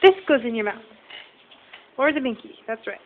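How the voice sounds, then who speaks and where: A hoarse woman with a high voice chats and coaxes her baby at home, playful and teasing. Her voice is recorded through a phone, thin and tinny. Clear background noise sits under everything. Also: normal speed. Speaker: mother. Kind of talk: casual home video chat. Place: family home, indoors. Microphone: phone camera.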